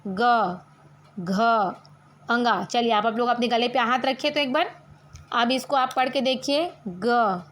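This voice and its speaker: A woman teacher with a fairly high voice talks through a grammar lesson for her students online. She explains things step by step and asks questions that she then answers herself. When she comes to the letters, she sounds them out slowly, one at a time. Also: fairly bright tone.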